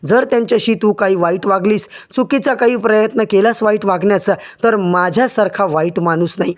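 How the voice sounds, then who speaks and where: Male narrator as a stern elder brother: firm, commanding, high. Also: brisk, lightly acted.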